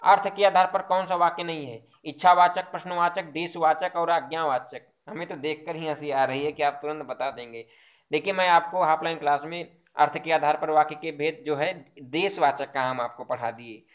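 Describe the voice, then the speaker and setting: A man's voice: a little high, steady tone, normal speed. A man teaching Hindi, going through exam questions one by one, explaining each answer with repetition and rhetorical questions. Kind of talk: exam quiz lesson.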